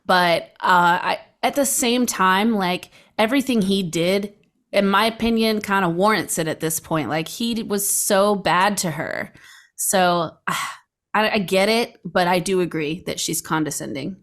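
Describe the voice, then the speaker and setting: A woman's voice: medium pitch, a little slow, a bit bright. A woman co-hosting a casual podcast from home, blunt and swearing, often laughing at herself. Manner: blunt, swearing, self-mocking and giggly. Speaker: podcast co-host. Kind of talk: casual chat. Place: home with dogs. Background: dogs barking.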